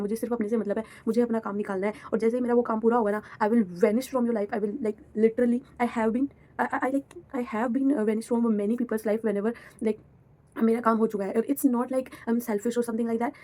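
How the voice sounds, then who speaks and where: Frank young woman with a mellow voice. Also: on the high side. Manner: blunt, frank, switches between Hindi and English. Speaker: vlogger. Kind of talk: candid personal monologue.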